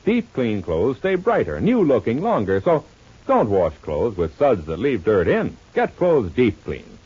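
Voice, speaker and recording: A man's voice: mid-range voice, wildly swooping pitch, a little slow, dark tone, husky. A man announcing on an old radio show, selling a product and introducing the serial with eager, salesman-like delivery. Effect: old radio broadcast sound. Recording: muffled old radio transcription with music.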